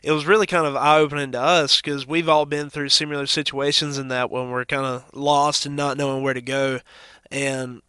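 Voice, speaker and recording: A man's voice: mid-range voice, flat delivery, normal speed, sharp tone, clean tone, dry recording. A man, a band's drummer, speaking earnestly and easily as a guest in a radio studio. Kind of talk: casual interview chat. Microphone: studio microphone.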